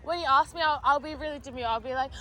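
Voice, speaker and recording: A young woman chatting excitedly with friends at a festival, giggly and swearing casually, sneezy as she talks, filmed on a phone outdoors. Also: high voice, quick pace. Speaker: vlogger with friends. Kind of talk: casual chat. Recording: phone video at a noisy outdoor fair. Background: loud music and crowd.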